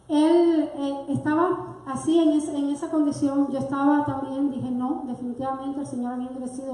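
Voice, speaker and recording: A woman's voice: high voice, dark tone. A woman, giving an earnest, emotional personal testimony to her church congregation. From Cuba. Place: church sanctuary. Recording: very echoey church hall.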